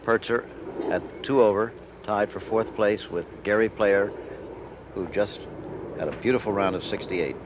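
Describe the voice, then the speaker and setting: A man with a fairly low voice calls golf in a measured, descriptive play-by-play style. The sound is a dull old TV broadcast with clear background noise from outdoors. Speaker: golf commentator. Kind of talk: live golf play-by-play commentary. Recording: dull, noisy vintage TV broadcast.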